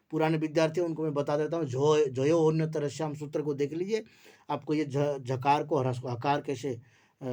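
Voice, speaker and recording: A male teacher with a slightly high voice gives an online Sanskrit grammar lesson. He explains patiently and keeps checking in with his students. He stretches vowels out slowly to show how long each one is. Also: a little mellow. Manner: explains patiently, repeating terms and checking with "ठीक है"; draws out vowel sounds slowly to demonstrate length. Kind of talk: online lecture.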